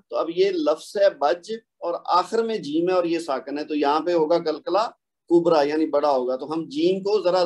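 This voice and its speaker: A man's voice: on the high side, darkish tone. Patient male teacher explaining pronunciation rules. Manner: patient, asks and answers his own questions. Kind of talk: tajweed lesson, explaining and modeling pronunciation.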